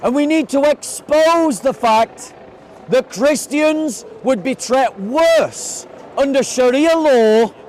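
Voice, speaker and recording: A man giving a forceful, rallying open-air speech outdoors. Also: extremely high pitch, lively intonation, slow pace, a little hiss or hum, rough recording. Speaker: street preacher. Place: outdoors in a city park.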